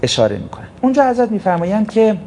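A man's voice: high-pitched, sing-song, warm tone, slight background noise. A man preaching a sermon, emphatic, asking rhetorical questions and answering them himself. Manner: storytelling preacher who acts out short quotes. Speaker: cleric preacher.

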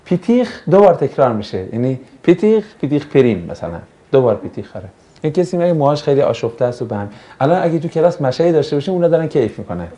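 A religious studies teacher with a warm, sing-song voice pitched on the high side leads a class. He jokes around, bantering with his students and throwing questions at them.

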